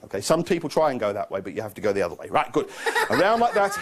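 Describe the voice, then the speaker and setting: Casting: male kids' party magician, playful live patter, very animated delivery, noisy room recording. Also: mid-range voice, very fast, crowd noise. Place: live performance before an audience of children.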